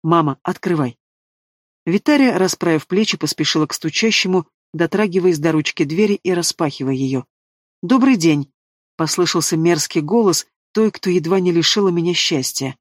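A man reading a fantasy novel aloud in a steady, expressive narration. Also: a little high, fairly quick, hardly any pauses, no room sound, clean studio sound. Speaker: audiobook reader.

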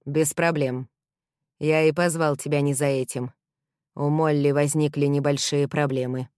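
A woman reading the lines of a stern male boss, firm and measured, in an audiobook. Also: deep voice, fairly even intonation, darkish tone, clean tone, dry recording, studio quality. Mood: businesslike.

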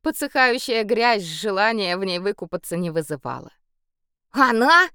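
A woman reading a children's story aloud with playful, expressive narration. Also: medium pitch, normal speed, clean tone, no room sound, studio quality. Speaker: audiobook reader.

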